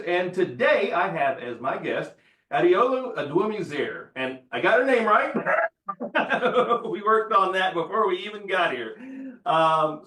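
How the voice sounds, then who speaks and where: A man's voice: on the high side, a bit bright, reverberant, distant mic. A man hosting an interview show, upbeat and welcoming as he introduces his guest. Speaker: podcast host. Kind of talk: hosted interview.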